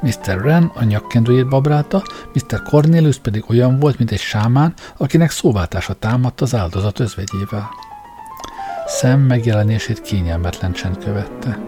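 A man reading a novel aloud as audiobook narrator in a calm, measured way. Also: mid-range voice, music in the background.

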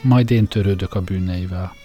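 Narrator reads a steady young man, calm and firm, low and warm. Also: soft background music, natural voice.

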